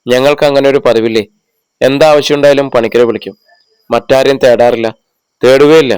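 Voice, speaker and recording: A man plays an anxious older matriarch in a storybook. She pleads and comforts in a motherly way. The voice is smooth and dry, with even pitch. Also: fairly quick, no room sound, lightly acted. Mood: firm.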